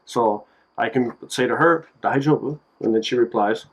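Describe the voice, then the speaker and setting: A man's voice: medium pitch, normal speed, low-quality recording. Joking man teaching simple phrases. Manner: relaxed, joking, repeats words to drill them. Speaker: language teacher. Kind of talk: casual language lesson. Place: Japan.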